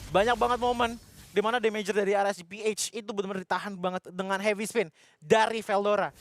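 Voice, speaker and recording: High-voiced Indonesian male esports commentator. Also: no room sound. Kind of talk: live play-by-play and analysis.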